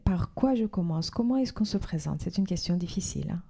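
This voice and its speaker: A woman's voice: on the low side, animated, brisk, vocal fry, dark tone, husky. A woman in her fifties, from Iran, answering interview questions in a hesitant, reflective way with many fillers and restarts. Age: 50s. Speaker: podcast guest.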